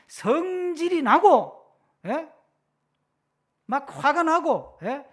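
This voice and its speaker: A middle-aged male pastor delivers a sermon in a high, strikingly expressive voice. He swings between loud bursts and quiet asides and keeps drawing the congregation in with quick questions. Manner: animated, keeps asking the congregation "yes?".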